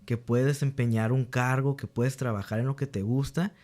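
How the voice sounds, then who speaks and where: A man's voice: mid-range voice, fairly even intonation, moderate pace, darkish tone. A young man, a teacher being interviewed, earnestly telling stories about his students and acting out their exchanges, with frequent restarts. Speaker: guest, teacher. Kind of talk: candid interview storytelling.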